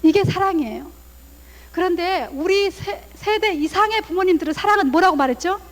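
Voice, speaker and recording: A woman in her thirties, a family counselor giving a lively guest lecture to a church audience, acting out parents' words as she talks. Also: extremely high pitch, normal speed, big-room sound. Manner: animated, acts out parents' lines in quoted voices. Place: church hall.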